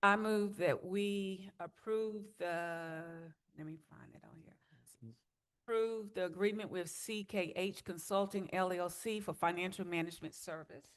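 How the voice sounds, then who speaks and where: A woman's voice: fairly low pitch, fairly even intonation, a little slow. A woman, a city commissioner, asking direct questions and making a motion at a public meeting.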